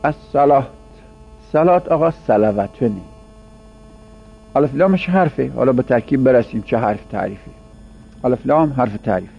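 A man teaching Arabic grammar in a classroom lecture, whose first language is Persian, drawing out the example words slowly. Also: medium pitch, creaky. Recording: dull lo-fi recording with mains hum.

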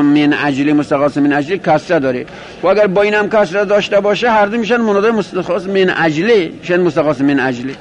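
Man lecturing slowly on Arabic grammar. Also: fairly high pitch. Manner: explains step by step, asks and answers his own questions; repeats and rephrases terms, slows on quoted Arabic. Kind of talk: classroom lecture explaining a grammar text.

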